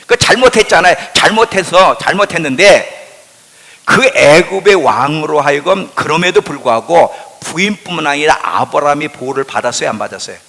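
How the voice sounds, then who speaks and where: Animated pastor. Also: male voice, a little high. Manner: asks the congregation questions and answers them himself; emphatic, swings between loud and hushed. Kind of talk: sermon. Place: church sanctuary. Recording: long hall reverb in a church.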